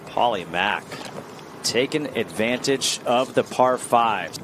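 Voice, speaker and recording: A man's voice: medium pitch, lively intonation, slow pace. A man giving live golf commentary, announcing the play in short, clipped phrases. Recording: outdoor course ambience noise behind voice.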